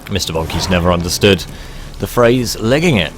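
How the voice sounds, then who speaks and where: Deep, rambling gamer. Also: male voice, animated, a little fast, music in the background. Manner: rambling, self-interrupting and wry. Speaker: let's play commentator. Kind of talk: casual gameplay commentary.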